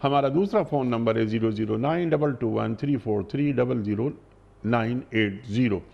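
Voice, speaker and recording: Gravelly formal TV host, man. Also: medium pitch. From Pakistan. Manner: polite, formal address to guest. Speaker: host of a religious TV program. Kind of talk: formal TV hosting, reading out quiz and contact numbers. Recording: dull lo-fi broadcast audio.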